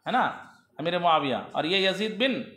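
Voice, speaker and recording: A man's voice: high-pitched, big pitch swings, normal speed, a bit bright, reverberant. A man teaching Arabic grammar in a classroom, reading the text and explaining it, often asking his students questions and answering them himself.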